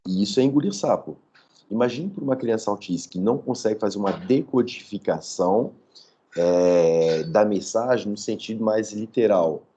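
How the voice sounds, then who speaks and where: A man's voice: fairly low pitch, moderate pace, warm tone, slightly rough. A man, a professor giving an online lecture from home, explaining step by step and checking in with his listeners. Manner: didactic, checks in with "tá?". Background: dog nearby.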